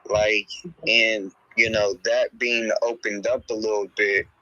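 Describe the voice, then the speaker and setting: Man, casual talk, rambling, filler-heavy, bright forceful tone, muffled lo-fi sound. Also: on the low side, little pitch movement, measured pace, no echo. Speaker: speaker in a live audio chat. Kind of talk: casual chat, telling a story. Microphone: online audio chat. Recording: dull lo-fi online audio.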